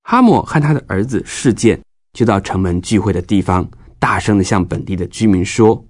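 Casting: male children's storyteller, lowish voice, explanatory Bible narration for young listeners, dry close sound. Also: lively intonation, normal speed, darkish tone, dry recording.

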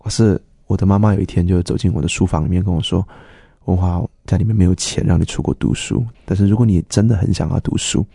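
A man's voice: deep voice, fairly even intonation, fast talker, vocal fry, warm tone, husky, no echo, studio quality. A middle-aged man, a pastor earnestly telling his personal testimony and acting out the dialogue he quotes.

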